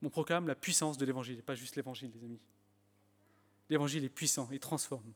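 A man's voice: mid-range voice, quick pace. English-accented man preaching in a hall. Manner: animated preaching, rising emphasis, frequent fillers and restarts. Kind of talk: sermon. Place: church hall. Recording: long church hall reverb.

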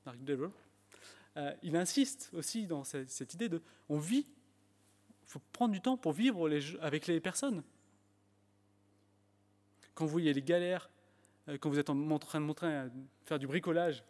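A man's voice: fairly high pitch, a little mellow. A man preaching a sermon in French with an English accent, emphatic at times and restarting his phrases with fillers. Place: church hall. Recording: long church hall reverb.

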